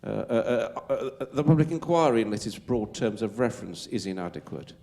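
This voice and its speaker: A man's voice: on the low side, moderate pace, gravelly, dark tone. A man with a Wolverhampton accent answering as a panel speaker at a public Q&A, emphatic and stumbling over repeated words.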